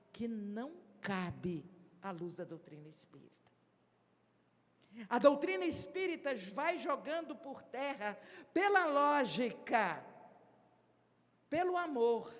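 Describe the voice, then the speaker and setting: A woman giving an expressive devotional lecture, pressing her points with emphatic rhetorical questions. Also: on the high side. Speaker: speaker at a Spiritist lecture. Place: lecture hall at a Spiritist event. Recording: long hall reverb.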